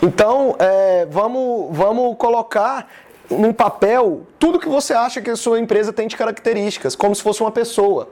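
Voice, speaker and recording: A man with a Goiás accent talks loosely and directly to his live audience, his voice sitting fairly high for a man. He sounds like an easygoing business speaker in his thirties, chatting more than lecturing. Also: darkish tone. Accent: Goiás Brazilian Portuguese. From Goiás, Brazil. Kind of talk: informal live talk to an audience.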